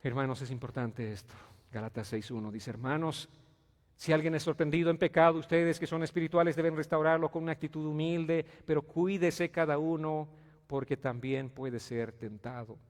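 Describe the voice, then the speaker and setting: A man pastor preaching a sermon, swinging from hushed pleading to loud exclamations and asking his congregation questions. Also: fairly high pitch, fairly even intonation, moderate pace, in a large hall. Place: church sanctuary.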